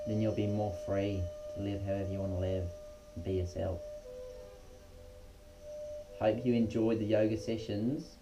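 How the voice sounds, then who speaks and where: A man leading a casual guided yoga lesson in a laid-back, slangy, unpolished way, as the instructor. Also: on the low side. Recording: muffled, dull lo-fi sound.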